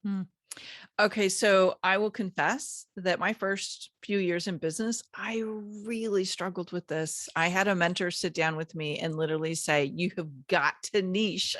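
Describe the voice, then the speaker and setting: A woman's voice: medium pitch, steady tone, normal speed, fairly bright tone, no echo, studio quality. A woman business coach talking as an interview guest, conversational and loose, with many "like" fillers. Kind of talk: casual interview chat.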